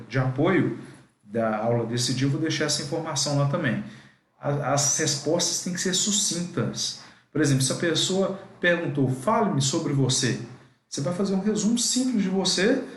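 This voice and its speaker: A man's voice: fairly high pitch, echoey room. A man with a Brazilian Portuguese accent teaching a live online class, with a didactic manner and frequent asides to his students. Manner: didactic, addresses students as "gente".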